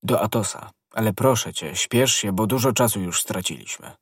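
A man voicing a bold, knowing young guardsman who speaks briskly and gives orders, in a husky voice. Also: on the low side, no room sound, clean studio sound.

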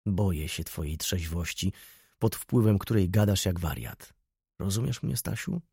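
A man reading an audiobook, voicing an old, dreamy and loyal male shop clerk who speaks gently and probingly. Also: sits low, lively intonation, a little slow, slightly rough, no echo, clean studio sound, exaggerated voice.

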